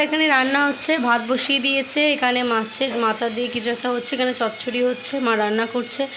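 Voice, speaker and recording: Hoarse young woman narrating her day. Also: on the high side, pushed and bright, slight background noise. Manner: chatty, recounting her day. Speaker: vlogger. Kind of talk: casual vlog voice-over.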